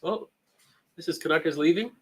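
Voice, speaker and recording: A man's voice: fairly high pitch, a little fast, breathy edge. A Canadian man co-hosting a live trivia stream, giving chatty, rambling explanations. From Ontario, Canada. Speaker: co-host.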